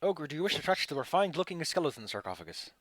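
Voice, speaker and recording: A man's voice: on the high side, very animated, racing, a bit bright, no room sound. A man acting as game master, narrating a tabletop game and bantering with players.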